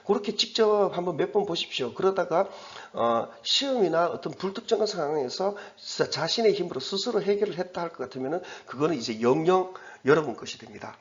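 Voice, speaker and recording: A man's voice: high-pitched, animated, a little fast, few pauses, highs cut off. A man teaching English from an exam passage in a recorded lecture, explaining as he goes and correcting himself with fillers and restarts.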